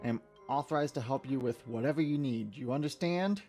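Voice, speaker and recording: A man's voice: mid-range voice, brisk, warm tone, soft background music, lightly acted. A man voicing a fussy, motherly female librarian who calls people dearie, sweet but nervous. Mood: shaken.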